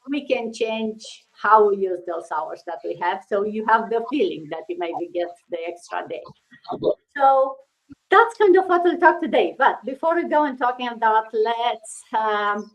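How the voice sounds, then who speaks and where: A woman hosting a live stream, upbeat and halting with many restarts. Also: a little high. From Romania. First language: Romanian. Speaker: host of a business live stream. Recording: muffled lo-fi stream audio.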